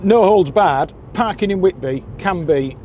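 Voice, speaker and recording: Guy narrating his drive into town, kinda high voice, friendly and practical, road noise loud under it. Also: expressive, measured pace. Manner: chatty, practical, gives directions. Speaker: boat skipper's guide to anglers. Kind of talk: casual driving commentary. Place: in a moving car. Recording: car and road noise behind.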